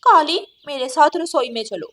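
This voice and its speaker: A woman doing a shrill scolding crow. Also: lively intonation, normal speed, pushed and bright, a little hiss or hum. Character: harsh scolding female crow, sister-in-law.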